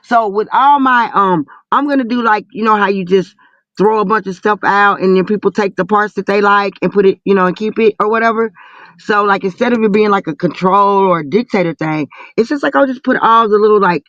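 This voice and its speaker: A woman's voice: mid-range voice, fairly quick, fairly bright tone, no room sound. A woman in her forties from the American South with a Southern drawl, chatting casually in a slangy, profane, teasing way. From Southern United States. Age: 40s. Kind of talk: casual group voice chat. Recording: muffled, band-limited voice call.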